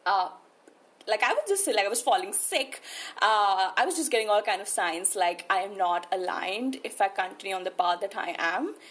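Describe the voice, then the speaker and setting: A woman's voice: medium pitch, animated, moderate pace, a bit bright. A woman from India with an urban New Delhi accent, reflecting on her own life in an interview, earnest and emphatic, often repeating words for emphasis. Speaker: interview guest, spiritual coach. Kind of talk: conversational interview, personal reflection.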